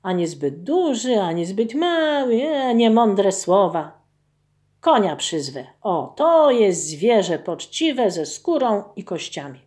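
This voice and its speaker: A woman voicing a simple, earnest male peasant in a folk tale, exclaiming in a lively voice. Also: mid-range voice, takes it slowly.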